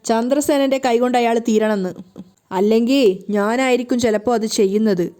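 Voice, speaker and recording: Woman reading as a grieving mother, bitter, sad, high voice. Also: a little fast, mellow, natural voice.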